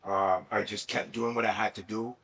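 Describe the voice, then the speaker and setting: A man's voice: lowish voice, little pitch movement, moderate pace, a bit bright, husky. A man speaking casually on a panel about working in the skilled trades, filling his sentences with "like" and "you know". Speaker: former trades student. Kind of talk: candid panel talk.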